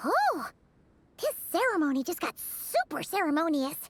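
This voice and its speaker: A woman's voice: very high-pitched, wildly swooping pitch, normal speed, exaggerated voice. A woman voicing a perky little female sprite companion in a game, chirpy and exclamatory. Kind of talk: game dialogue.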